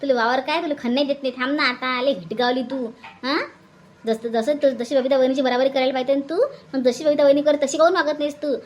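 A woman's voice: high voice, steady tone, fast talker, muffled recording, lightly acted. A woman doing an indignant, scolding village sister. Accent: Varhadi Marathi. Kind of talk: cartoon voice acting.

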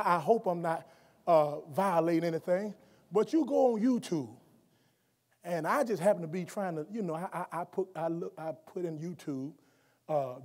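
A middle-aged man preaching a sermon at a lectern, moving from quiet explanation to shouted emphasis and often restarting his words. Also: high voice. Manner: stumbles and restarts often when speaking off the cuff. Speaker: guest preacher. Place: college chapel auditorium, at a lectern on stage. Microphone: lectern microphone, wide camera. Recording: long hall reverb from a large chapel.

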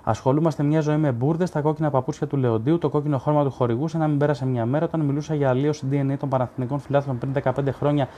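Man, sports journalist on a live stream, blunt, argues with the chat, mellow voice, faint background noise. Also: mid-range voice, steady tone, hardly any pauses. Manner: blunt, argumentative with commenters, many fillers and restarts. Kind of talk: casual live-chat commentary reading viewer comments.

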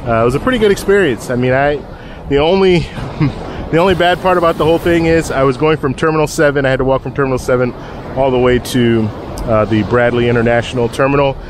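A middle-aged man with a mid-range voice talks fast over a noisy background, vlogging about travel from an outdoor beach. He films himself on a phone camera at arm's length, chatting casually and rambling with many restarts.

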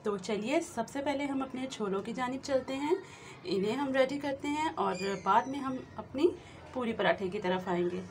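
In her home kitchen, a woman with a high, darkish voice explains a recipe step by step for her cooking channel at normal speed. She speaks warmly and directly to viewers, slipping in English words, while a noisy phone recording picks up frying and sizzling from the pan.

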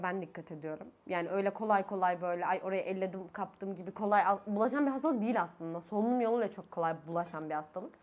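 A young woman in her twenties talks through a face mask from her bedroom in a casual, chatty way. Her throat is sore and she sounds worn out, with coughs breaking through. She laughs easily and rises in pitch when something irritates her. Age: 20s. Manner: chatty, laughs often, voice rising when annoyed. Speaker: vlogger. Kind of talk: casual chat to camera. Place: her own bedroom, indoors. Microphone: speaking through a face mask.

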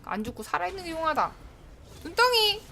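A woman's voice: a little high, expressive, moderate pace, sharp tone, a little hiss or hum. A woman streaming a game live, chatting to herself and her teammates and often breaking into exclamations. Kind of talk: live gameplay commentary.

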